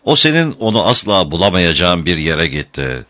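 A man voicing a scornful, cruel male captive who answers in quick, mocking lines, pitched well above his narration. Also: very animated, bright, forceful tone, no echo, heavily acted.

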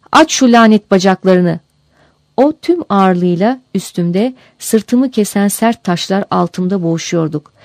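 Female audiobook narrator, warm, first-person memoir, even measured read, dry booth. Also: medium pitch, vocal fry, no echo.

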